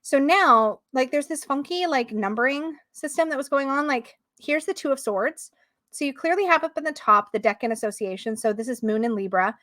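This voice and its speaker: A woman chatting casually as she flips through a tarot deck, gushing and excitable, sometimes dropping to soft murmurs. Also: high-pitched, normal speed, no room sound, clean studio sound.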